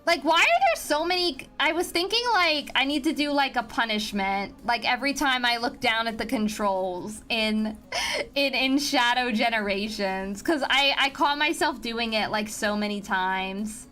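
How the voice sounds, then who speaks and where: High bright-voiced young woman rambling to chat at home, giggles a lot, some music in the back. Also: moderate pace. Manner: giggly, chatty, teasing, many restarts. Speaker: streamer. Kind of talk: casual chat with stream viewers. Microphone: home streaming mic.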